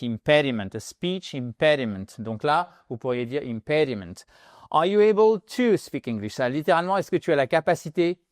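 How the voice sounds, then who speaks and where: A man giving an English lesson in French, explaining lively and switching into English examples. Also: fairly high pitch, dry recording, clean studio sound. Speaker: English teacher. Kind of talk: video lesson.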